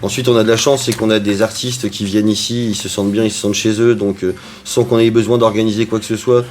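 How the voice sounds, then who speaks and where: Man, restaurant owner, casual interview, rapid delivery, slightly low voice, hesitant fillers. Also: little pitch movement, darkish tone, a little hiss or hum. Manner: chatty, with frequent hesitations.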